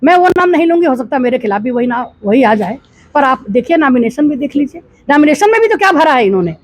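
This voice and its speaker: With big pitch swings and a quick pace, an older woman politician from Gorakhpur, eastern Uttar Pradesh, India, answers a news reporter in a high voice. Indignant rhetorical questions fill her replies, recorded with no room sound.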